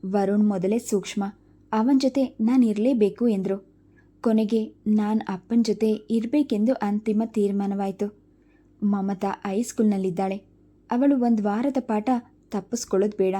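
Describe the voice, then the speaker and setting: A woman storyteller reading a first-person family story in a steady, reflective way. Her voice is very dark and mellow, with a middle pitch. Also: normal speed.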